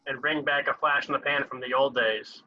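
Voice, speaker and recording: A man's voice: medium pitch, steady tone, a little fast, bright, forceful tone, highs cut off. A young man co-hosting a casual podcast, bantering and joking with his friends. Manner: joking, laid-back banter. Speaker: podcast co-host. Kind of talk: casual chat.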